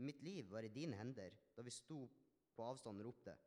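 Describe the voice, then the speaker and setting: The humble, grateful Samaritan leper, played by a man, speaks in an earnest, reflective dramatic monologue. His voice sits at an ordinary pitch for a man. A long reverb from a large hall trails after every phrase. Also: animated, a little mellow, natural voice. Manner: earnest, reflective storytelling with small restarts. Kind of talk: dramatic first-person monologue.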